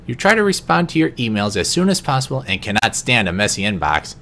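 A man reading personality quiz questions aloud in an unscripted vlog, answering each one in a quieter, lower voice with the odd stumble. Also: big pitch swings, quick pace, slight background noise. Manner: occasional stumbles and restarts. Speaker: vlogger.

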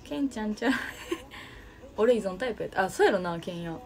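A woman's voice: medium pitch, expressive, brisk, darkish tone, soft background music. A young woman with a Kansai Japanese accent hosting a casual livestream, chatting and answering viewer comments. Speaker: livestream host.

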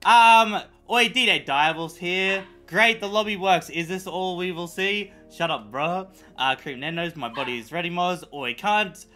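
A man streaming a video game live, chatting excitably and profanely with his viewers and friends. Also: sits high, measured pace, hardly any pauses, soft background music. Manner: excitable, profane, bantering with chat. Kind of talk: casual live-stream chat while gaming.

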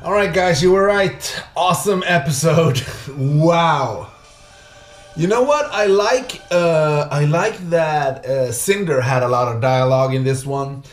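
A man's voice: a little high, measured pace, soft background music. Enthusiastic man reacting casually. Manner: sweary, enthusiastic. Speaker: reaction video host. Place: small home music room, indoors.

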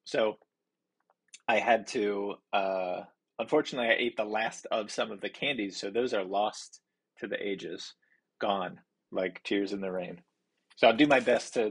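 A man, hosting a casual foodie snack review in a halting way, thinking aloud as he describes flavours. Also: on the low side, husky. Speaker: food review host. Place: small indoor home office.

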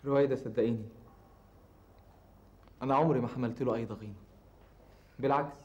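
A man's voice: mid-range voice, steady tone, quick pace, darkish tone, lightly acted. An actor playing an Egyptian engineer torn between his mother and a woman he once loved, pleading and sometimes exasperated, with an Egyptian accent. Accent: Egyptian Arabic. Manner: pleading, rising to exasperated outbursts. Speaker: actor in TV drama. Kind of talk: Egyptian TV drama acting. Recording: roomy, dull TV drama sound.

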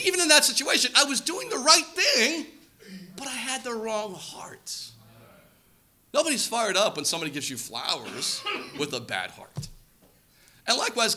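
A man in his thirties preaching a sermon through personal stories, animated and acting out quoted voices. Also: extremely high pitch. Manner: animated, acts out quoted voices, shouts for effect. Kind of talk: storytelling sermon.

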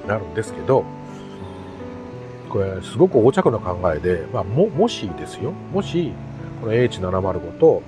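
A man's voice: fairly low pitch, big pitch swings, normal speed, music in the background. A middle-aged man from Japan talking casually to camera as a hobbyist vlogger, in an easygoing, rambling, self-deprecating way. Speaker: amateur radio hobbyist vlogger. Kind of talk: casual vlog talk to camera.

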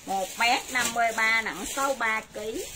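A woman hosts a live clothing sale and rattles off sizes and prices in brisk, repetitive bursts. Her voice sits a little high. Steady noise runs under the recording. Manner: brisk, repeats sizes and prices, addresses viewers. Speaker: livestream clothing seller. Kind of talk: live sales stream. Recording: noisy livestream audio.

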